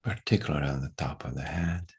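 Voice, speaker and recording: A man guides a meditation in a soft, breathy, hushed voice with a rumbling low tone. He takes his time, leaving long pauses.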